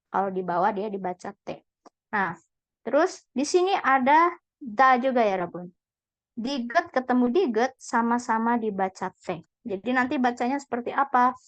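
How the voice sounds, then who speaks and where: A woman's voice: on the high side, no room sound. A woman teaching a Korean lesson, patiently repeating and drilling each syllable. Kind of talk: online language lesson.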